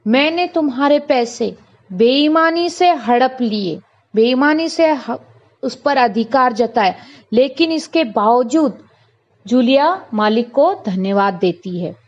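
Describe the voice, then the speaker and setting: A woman's voice: high voice, expressive, slow. A woman teacher reading a story aloud and explaining it to her pupils, speaking to them directly. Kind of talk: reading and explaining a school lesson. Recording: dull lo-fi recording.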